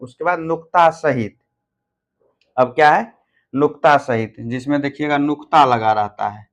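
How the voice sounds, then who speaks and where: A man's voice: on the high side, measured pace. A man teaching an exam-prep grammar lesson, asking questions and answering them himself, counting items out and repeating points.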